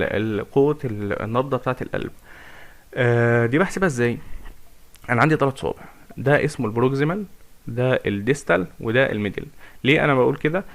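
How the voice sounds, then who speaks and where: A man with an Egyptian Arabic accent giving an informal medical lecture, explaining step by step with rhetorical questions and English medical terms. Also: medium pitch.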